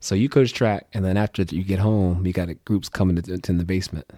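Male podcast host, lowish voice, dry close sound, eager interviewer who restarts his questions. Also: steady tone, a little fast, warm tone, no room sound. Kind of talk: casual interview.

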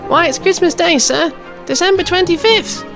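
A woman's voice: extremely high pitch, normal speed, over music. Woman voicing a polite little orphan boy. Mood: eager. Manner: old-fashioned, deferential.

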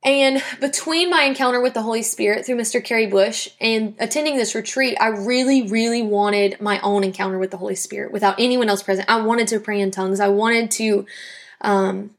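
A woman's voice: on the high side, fairly even intonation, brisk. A young woman from South Louisiana telling her personal faith testimony on a podcast in an earnest, reflective way. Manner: earnest, reflective storytelling with quoted dialogue. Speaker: podcast host.

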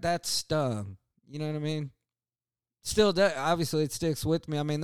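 A middle-aged veteran man, hosting a candid, heartfelt monologue with pauses and restarts. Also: medium pitch, darkish tone, clean tone, dry recording, clean studio sound. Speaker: veteran talk host.

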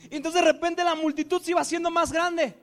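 A man's voice: extremely high pitch, fairly even intonation, fast talker, a bit bright, soft background music. A male preacher retelling a story in an intense, vivid sermon and addressing his listeners directly.

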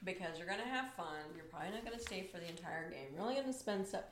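Racing along with lively intonation, a woman with a lowish voice co-hosts a relaxed sports podcast, teasing and reacting loudly to ticket prices. The audio has a little hiss or hum, an echoey room, and faint ambience.

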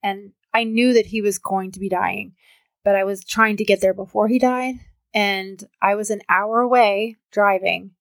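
A woman's voice: medium pitch, fairly even intonation, normal speed, no echo. A woman guest telling personal stories in a casual, chatty way, full of filler words. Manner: chatty storyteller, many filler "like"s. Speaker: podcast guest. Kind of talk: casual chat.

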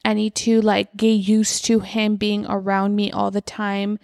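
Podcast host, woman in her thirties, casual rambling chat, some vocal fry, dry close recording. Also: mid-range voice, completely flat delivery, a little slow, a little mellow, no room sound. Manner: chatty, rambling, frequent "like". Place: inside her house at night.

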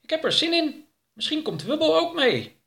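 A man's voice: very high-pitched, sing-song, normal speed, creaky, pushed and bright, pitched above the performer's own voice, exaggerated voice. A man voicing a naive, cheerful young man who asks innocent, literal questions.

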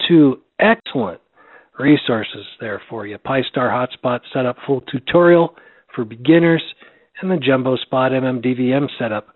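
A man acting as net control on a ham radio net, talking in a friendly, halting way with many fillers. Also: mid-range voice, no echo. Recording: dry tinny radio audio.

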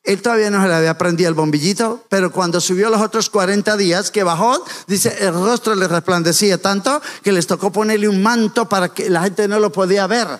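A man with a high-pitched voice gives a sermon in a church. He keeps it light and jokey, talking straight to the congregation in a chatty way. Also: fairly quick, few pauses. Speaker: church speaker. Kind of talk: humorous sermon. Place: church sanctuary.

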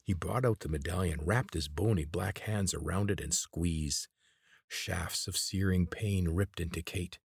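A man narrating a fantasy audiobook in a measured, steady way. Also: deep voice, vocal fry, husky, dry recording, clean studio sound. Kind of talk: scripted narration.

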